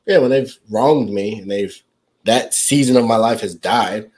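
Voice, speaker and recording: A man's voice: on the low side, unhurried, a little mellow. A young man co-hosting a casual couple's podcast, joking and teasing as he talks. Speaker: podcast co-host.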